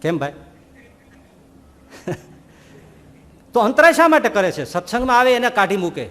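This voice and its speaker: A man preaching a sermon, telling animated stories and asking rhetorical questions. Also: high voice, moderate pace, long reverb tail. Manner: animated storytelling, rhetorical questions, voices quoted figures. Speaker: Swaminarayan preacher.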